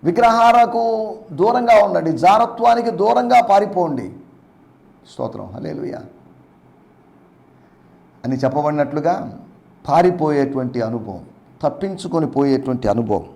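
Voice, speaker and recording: A male pastor preaching a sermon, with emphatic rises and soft drops, and English phrases mixed in. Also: on the high side, expressive, normal speed, creaky, long pauses.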